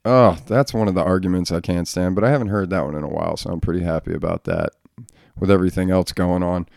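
A man's voice: sits low, steady tone, quick pace, creaky, darkish tone, no room sound, clean studio sound. A man hosting a casual solo podcast, a father talking in a blunt, profane, ranting way. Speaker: podcast host.

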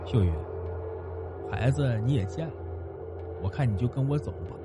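A man doing a deep, calm old man. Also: over loud music, close to an everyday voice. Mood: calm, commanding. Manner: low, quiet, measured.

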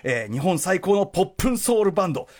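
Rapid, lively male radio host. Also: high voice. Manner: energetic, laughing, rapid banter. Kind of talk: casual radio talk. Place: radio studio.

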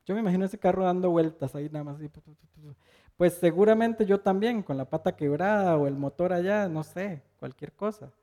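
A man's voice: high-pitched, fairly quick, hardly any pauses, dark tone. A middle-aged man preaching a sermon, telling a personal anecdote in a conversational storytelling way with rhetorical questions.

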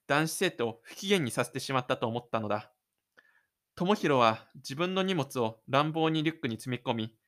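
A man reads scripted third-person narration for an audio drama, telling the story dramatically and speaking the sound effects aloud. His voice is mid-range and a bit bright.

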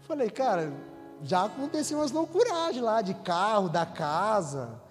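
A man's voice: sits high, very animated, normal speed, soft background music. Man, pastor, sermon, acts out dialogue, long reverb of a church hall. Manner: preaches with rising intensity, acts out quoted dialogue.

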